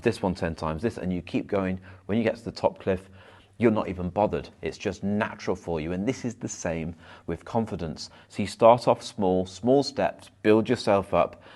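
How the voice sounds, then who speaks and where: Male hypnotherapist, low-pitched, fast and slightly stumbling self-help delivery to camera. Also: darkish tone. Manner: rushes his words, occasional stumbles and repeats. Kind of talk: motivational advice monologue to camera.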